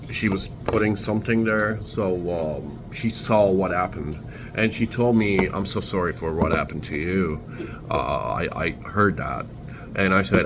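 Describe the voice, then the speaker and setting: A young Turkish man with a deep, low voice tells a casual story to the camera as a vlogger, often stopping, restarting and correcting himself while hunting for words. Constant background noise sits beneath his speech.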